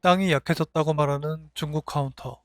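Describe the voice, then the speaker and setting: A man reading scripted recap narration as a drama reviewer, in measured storytelling statements. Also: fairly high pitch, steady tone. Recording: voice-over with faint music behind.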